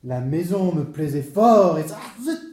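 Comic storyteller,: wordy, theatrical, quick to fluster; slightly high, mellow voice in a roomy room. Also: male voice, lively intonation. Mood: lively. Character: talkative man telling a comic misadventure. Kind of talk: stage comedy dialogue.

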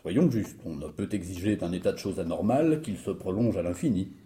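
An actor playing an ironic, knowing friend who lectures pedantically on the rules. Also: male voice, deep voice, expressive, a little fast, warm tone. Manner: pedantic, teasing.

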